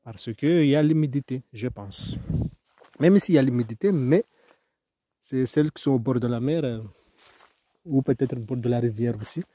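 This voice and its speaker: Speaking with a warm, medium-pitched voice at normal speed, this man pauses often and the audio has no echo. He's a Mayotte farmer with a Mahoran French accent, casually talking outdoors about his crops for a farm vlog. His talk is hesitant and rambling, full of restarts.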